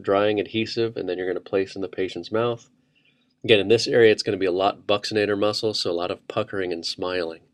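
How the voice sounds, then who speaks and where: A man's voice: sits low, no echo. A man teaching a dental procedure in a methodical, step-by-step instructional voice-over. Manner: methodical, explanatory, steady step-by-step.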